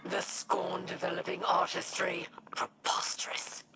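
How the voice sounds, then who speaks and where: Breathy, rasping alien warrior woman, slow and scornful. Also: fairly low pitch, completely flat delivery, in a whisper. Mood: mocking. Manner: haughty, biting, formal. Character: proud, scornful, bitter alien female warrior exile. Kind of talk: video game character dialogue.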